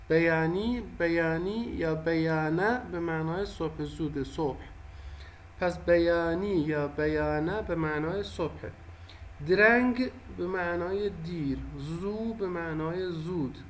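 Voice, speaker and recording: A man's voice: on the high side, a little hiss or hum. A man teaching a language lesson, patiently repeating and explaining each phrase.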